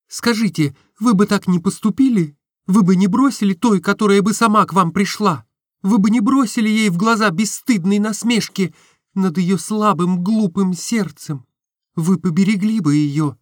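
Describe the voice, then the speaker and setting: A man's voice: sits high, normal speed, dry recording, clean studio sound, voice pushed up. A man voicing a tearful, pleading young woman. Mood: imploring. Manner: breathless, imploring questions.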